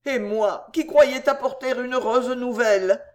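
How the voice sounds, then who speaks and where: Fat weepy old sot, read by a woman, pitched high and pleading, stammers. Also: big pitch swings, a little slow. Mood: tearful pleading. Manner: whining, tearful, stammering. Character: fat old drunkard man, tearful and pleading.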